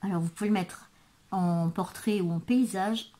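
A woman presenting craft supplies in a casual video, hesitant and full of fillers, murmuring softly while she handles things. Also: mid-range voice, steady tone, normal speed, background noise. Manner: hesitant, many fillers and restarts. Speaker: craft vlogger. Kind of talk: casual product show-and-tell.

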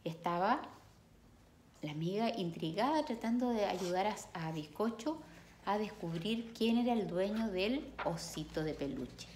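Lively woman reading a children's book. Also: mid-range voice, a little slow, a little hiss or hum. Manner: warm, explains the pictures to kids. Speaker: storyteller for children. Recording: echoey room.

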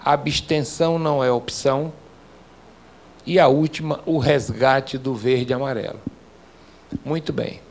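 Slow, emphatic older Brazilian man. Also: mid-range voice, steady tone, creaky. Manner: slow, emphatic, civic exhortation with rising intensity. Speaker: club official addressing members. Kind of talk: formal lecture-hall address. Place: indoor lecture hall with projection screen. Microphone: handheld microphone.

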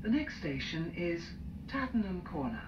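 A woman's spliced-together train announcement voice, measured and clipped, with the joins between words audible. It comes through a far-off carriage speaker that sounds dull and roomy, with heavy train noise underneath. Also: lowish voice, big pitch swings. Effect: prerecorded words spliced together. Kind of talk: automated onboard announcements. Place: inside a moving train carriage. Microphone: recorded off the carriage speaker. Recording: train loudspeaker taped from afar, noisy.

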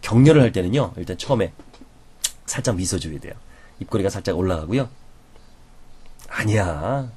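A man lecturing as a professor on conversation skills, animated and acting out reactions as he explains. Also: low voice, normal speed, pauses often, slight background noise.

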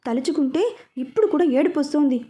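A woman's voice: high voice, expressive, brisk, dark tone. A woman reading a story, voicing a pouting, stubborn young woman who is hurt and angry with her fiancé. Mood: sulky.

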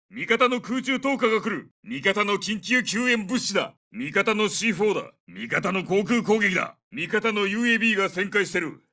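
A battle-hardened special forces captain in a shooter game. His voice is pitched high and forceful, set a little way from the mic. He gives terse, commanding callouts with urgency. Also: far from the mic. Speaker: soldier calling out combat voicelines. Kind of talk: military shooter game voice acting, short tactical callouts.

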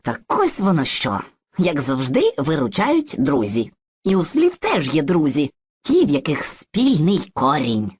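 A woman's voice: low-pitched, huge pitch swings, unhurried, a little mellow, husky, dry recording, clean studio sound, heavily acted. Woman voicing Surzhyk, a muddled eager boy. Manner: boastful, hesitant, playfully theatrical. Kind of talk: educational cartoon dialogue.

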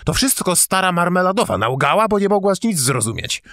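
A man reading an audiobook, voicing an excitable young male idealist who lectures in a shrill, fervent, touchy way. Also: fairly quick, no room sound, clean studio sound, full character voice. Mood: indignant. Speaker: audiobook reader.

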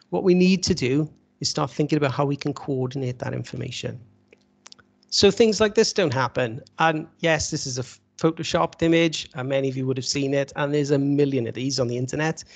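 A university lecturer gives an informal, slide-led webinar talk over a video call, explaining things conversationally and tossing in rhetorical questions. His voice is medium in pitch with some vocal fry, picked up by a video call microphone.

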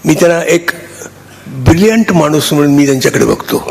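An older man gives a halting, chatty speech on stage, thanking people and joking with the audience. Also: on the high side, expressive, vocal fry, noisy background. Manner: halting, restarts, warm and chatty with the crowd. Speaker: honoree giving a speech.

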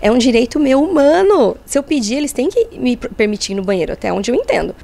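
Fast-talking, gravelly woman. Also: high-pitched, a crowd in the background. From Brazil. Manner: animated, vivid retelling with acted-out quotes. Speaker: interviewee. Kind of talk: interview testimony.

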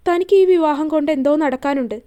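A woman reading a story aloud, voicing a young man who is a tender, teasing lover and speaks softly. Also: high voice, fast talker, close to an everyday voice. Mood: gentle. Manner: softly pleading and playful.

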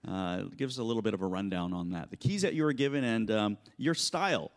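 A man's voice: lowish voice, lively intonation, fast. Casual middle-aged man moderating a church Q&A. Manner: casual, hesitant, many fillers. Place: church sanctuary stage. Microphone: handheld mic.

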